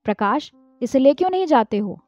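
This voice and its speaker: A stern middle-aged father issues curt, commanding orders to his son in a storybook reading, read aloud by a woman. The voice sits high yet mellow. It comes through a dull, lo-fi recording with no room sound. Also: moderate pace, no echo, soft background music, lightly acted. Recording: dull, dry, lo-fi.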